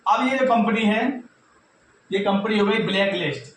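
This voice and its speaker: Talking at normal speed in a high, fairly bright voice, a North Indian-accented man updates students on exam news for YouTube. He explains informally, repeats himself, and speaks straight to viewers from a reverberant room, captured by a distant mic with faint background noise.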